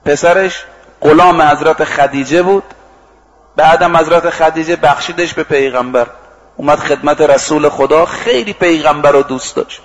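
Guy preaching a sermon, bit high voice, acts out the story bits, chants verses slow. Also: poor audio. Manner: lively storytelling that acts out quoted exchanges and chants scripture and verse.

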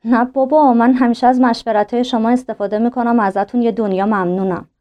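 Actress as a polite young nurse. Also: female voice, fairly high pitch, steady tone, lo-fi sound, natural voice. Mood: polite, warm. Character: young kind-hearted nurse.

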